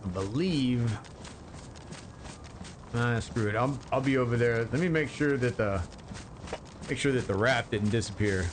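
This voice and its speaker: A man's voice: medium pitch, background noise. A man casually commentating his game on a live stream, joking and chatting with viewers, rambling with lots of fillers. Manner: slow, rambling with many fillers.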